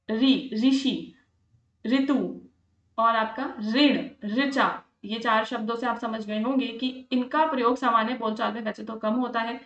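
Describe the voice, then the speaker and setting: A woman's voice: on the high side, a bit bright. A woman tutoring for an exam, explaining patiently, repeating points and asking checking questions as she goes. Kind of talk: explaining lesson, mixing Hindi with English. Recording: roomy lo-fi recording.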